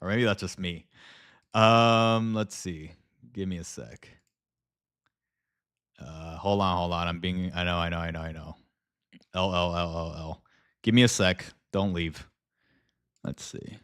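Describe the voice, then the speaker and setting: A man's voice: sits low, steady tone, measured pace, pauses often, a bit bright, smooth. A man livestreaming in a casual chat with viewers, speaking informally with slang and some swearing. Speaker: live streamer and video creator.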